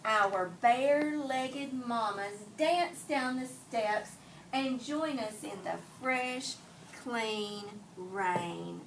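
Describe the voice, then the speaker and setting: A woman teacher with a high-sitting voice reads a picture book aloud to young children in an indoor classroom. She tells the story in an animated way, asking the kids questions and repeating their answers. The distant microphone picks up a roomy, noisy classroom.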